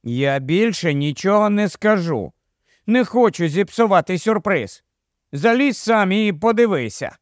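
A man reading an audiobook, voicing a quiet, secretive young man who speaks calmly and holds things back. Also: high voice, unhurried, no echo, clean studio sound, pitched above the performer's own voice. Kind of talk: audiobook character voice.

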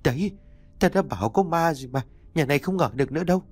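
A man's voice: on the high side, lively intonation, fast talker, slightly rough, dry recording, voice pushed up. A man doing a panicked old landlord. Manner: panicked, shouting. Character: terrified old rich landlord, cowardly.

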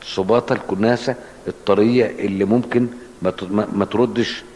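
A man's voice: fairly low pitch, steady tone, a little fast, darkish tone. A man with an Egyptian Arabic accent teaching hadith in a colloquial, explanatory way and asking his class questions. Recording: long hall reverb.

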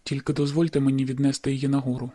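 Woman voicing a hushed young vampire guy, lower voice, calm and protective, audiobook. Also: rapid-fire. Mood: quiet. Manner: soft, hushed and soothing.

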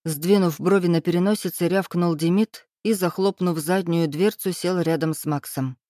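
A woman reading a first-person novel aloud in a steady, even storytelling manner. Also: lowish voice, normal speed, no echo, studio quality. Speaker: audiobook narrator. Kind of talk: first-person scripted narration.

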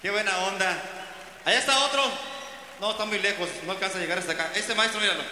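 A Mexican man with a loud manner, calling out to the crowd between songs at a live concert. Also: high voice, fairly even intonation, very fast. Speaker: singer and stage host. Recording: echoey hall with crowd noise.

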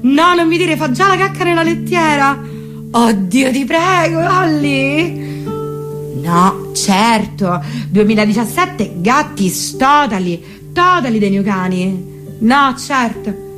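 A woman's voice: sits high, animated, slow pace, pitched above the performer's own voice. A woman playing a spoiled, posh young Roman woman chatting breathlessly on the phone, with a Roman accent. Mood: gossipy. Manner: breathless, gossipy, exaggerated. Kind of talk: comic theatre monologue. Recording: radio broadcast with guitar behind.

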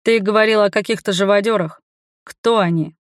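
A woman voicing a stern, burly male monster hunter in an audiobook, giving short, low commands. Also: normal speed, no echo, clean studio sound, close to an everyday voice. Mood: curt stern. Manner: curt, low commanding orders. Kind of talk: audiobook character voice.

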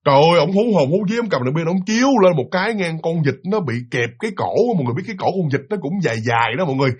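A man with a Southern Vietnamese accent telling a ghost story in a lively, animated way and speaking straight to his listeners. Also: a little high, racing, slightly rough.

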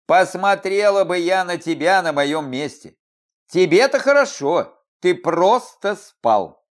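A man's voice: high-pitched, lively intonation, takes it slowly. A man reading the part of a cheeky, sulky female salamander spirit in a fantasy audiobook.

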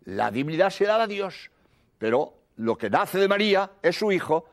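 A man delivers a sermon in a high, lively voice that swoops up and down. He is emphatic and hammers his points home by repeating them. He explains doctrine through plain everyday examples. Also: normal speed. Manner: emphatic, repeats key phrases. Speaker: priest.

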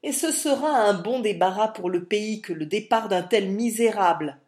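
A woman's voice: fairly low pitch, normal speed, dark tone, close to an everyday voice. A woman voicing a haughty young male lord who speaks with contempt and disdain, in an audiobook reading. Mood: scornful.

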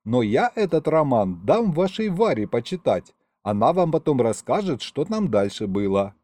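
A man's voice: mid-range voice, sing-song, moderate pace, warm tone, no room sound. A man voicing a prim, romantic young female clerk with a prissy, bookish way of talking. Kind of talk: audiobook character voice.

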